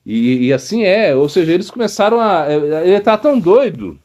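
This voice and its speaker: Brazilian monk guy telling a religious story, kinda high voice, bounces all over, does little voices. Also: normal speed. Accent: Brazilian Portuguese. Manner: animated, acts out voices in the story, many fillers. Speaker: monk and spiritual teacher.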